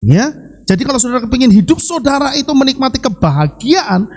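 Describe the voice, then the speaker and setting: A male pastor with a Javanese accent, preaching a sermon with rhetorical questions, sudden drops in pitch and a lively delivery. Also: quick pace. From Central Java, Indonesia.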